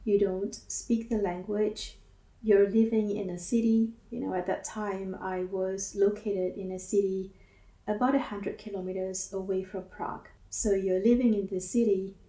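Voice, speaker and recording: A woman, a counselor speaking in a gentle, measured, introspective personal monologue. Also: medium pitch, steady tone. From Singapore. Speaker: counselor and academic advisor. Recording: roomy echo, mic at a distance.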